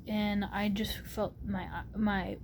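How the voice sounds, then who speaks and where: A young adult woman telling a personal story casually to camera, rambling and halting, her words slightly muffled by a sore, barely opened mouth. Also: little pitch movement. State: sore mouth after wisdom tooth removal. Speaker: vlogger. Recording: clear background noise with low rumble.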